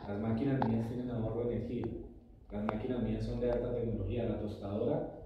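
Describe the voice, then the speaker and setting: A middle-aged businessman explains his coffee company in a measured, steady way. He sits at a meeting table, picked up by a camera across the room, so his voice sounds distant and bounces around the hard walls. A faint hum of room ambience sits behind him. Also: fairly low pitch, muffled recording. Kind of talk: interview answers. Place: large office meeting room. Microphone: far camera. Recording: echoey room from far off.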